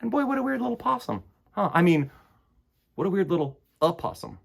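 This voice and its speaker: With a high, creaky, very animated voice and a brisk pace, a man leads a children's storytime. He reads and chats theatrically and emphatically, alternating loud bursts with hushed asides.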